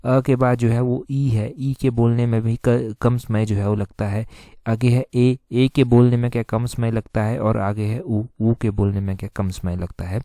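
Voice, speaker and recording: A man's voice: medium pitch, level tone, normal speed, warm tone, dry recording. A man teaching a recorded exam-prep lesson, explaining step by step and repeating answers with lots of filler phrases.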